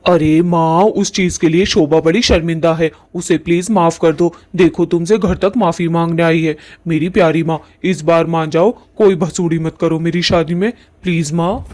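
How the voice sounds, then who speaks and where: A man's voice: on the high side, fairly even intonation, moderate pace, hardly any pauses, darkish tone, no room sound, lightly acted. Man voicing a sweet-talking lovesick ghost. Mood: pleading. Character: lovesick young male ghost groom, pleading.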